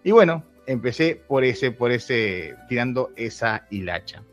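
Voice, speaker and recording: In this relaxed interview, a thirtysomething YouTuber from Uruguay speaks unhurriedly in a mid-range voice full of lively intonation. Frequent laughter and restarted sentences mark his candid talk, captured in dull lo-fi audio with soft music behind it.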